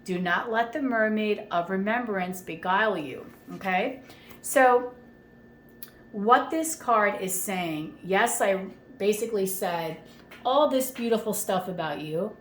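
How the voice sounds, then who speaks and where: A woman's voice: mid-range voice, slow pace. A woman reading tarot cards in a chatty, reassuring way, often checking in with the listener. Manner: chatty, reassuring, frequent "okay?" check-ins. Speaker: tarot reader. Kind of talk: casual tarot reading monologue. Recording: echoey room with faint ambient noise.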